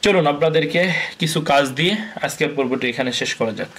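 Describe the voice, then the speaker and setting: A man's voice: a little high, fast, fairly bright tone. A man with a Bangladeshi Bengali accent teaching Quran reading, spelling out letters, chanting the joined syllables and explaining each rule by asking and answering his own questions. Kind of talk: spelled-out recitation lesson.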